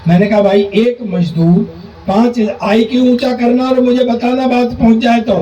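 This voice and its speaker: A man with a lilt and a high, mellow voice recites comic verse from a stage. He ribs the audience and acts out both sides of his jokes. The sound is dull and distant, with echo from the hall. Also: fairly even intonation, a little fast. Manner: jokey, addresses the audience directly, acts out dialogue. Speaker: stage comedy poet. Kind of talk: live stage comedy recital. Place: stage before a live audience.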